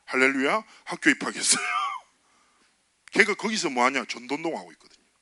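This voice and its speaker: A man preaching a lively sermon to a church youth group, telling stories and acting out the dialogue in character voices. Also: mid-range voice, moderate pace, no echo. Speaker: youth pastor. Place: church sanctuary.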